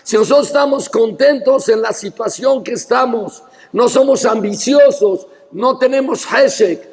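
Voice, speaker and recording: Fervent rabbi with a gravelly high voice. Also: male voice, measured pace, in a large hall. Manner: fervent, rising to shouts. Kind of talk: impassioned sermon.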